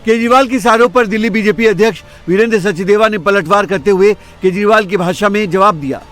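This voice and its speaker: A man's voice: sits high, brisk, fairly bright tone, soft background music. A man reading scripted news narration.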